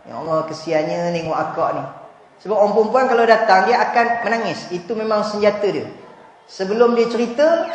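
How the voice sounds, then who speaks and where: A man with a Malaysian Malay accent giving a humorous religious lecture in a mosque, telling jokey stories and acting out characters. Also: sits high. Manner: jokey storytelling, acts out characters. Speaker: preacher. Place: large mosque hall. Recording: very echoey hall, faint ambient noise.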